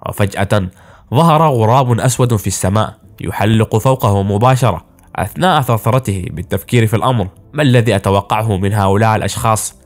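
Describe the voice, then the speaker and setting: A man narrating an anime plot recap in a brisk storytelling style, with casual asides. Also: lowish voice.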